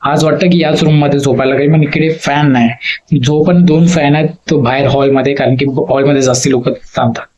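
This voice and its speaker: A man's voice: mid-range voice, steady tone, fairly quick, darkish tone. Dull-toned man vlogging, emotional and rambling. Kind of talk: casual vlog monologue. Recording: slightly dull lo-fi audio.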